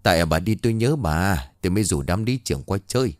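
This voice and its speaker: A man's voice: sits low, quick pace, dry recording, clean studio sound. A man playing a fawning, henpecked old chief. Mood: wheedling. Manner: wheedling, flattering.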